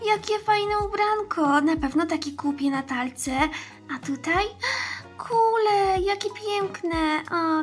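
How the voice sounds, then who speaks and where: A caring, cheerful older girl in a doll-game story, as a woman acts it out. The voice is very high and bright, speaking slowly and gently over background music. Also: heavily acted. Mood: delighted.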